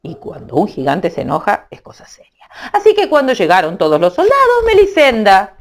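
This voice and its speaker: A woman narrating a children's storybook in an animated, playful way, adding sound effects. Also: medium pitch, normal speed.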